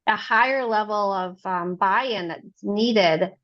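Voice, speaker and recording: A woman's voice: medium pitch, slow pace. Explaining woman on a dull, lo-fi line. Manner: explanatory, affirming, frequent agreement. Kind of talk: conversational interview. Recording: dull, lo-fi audio.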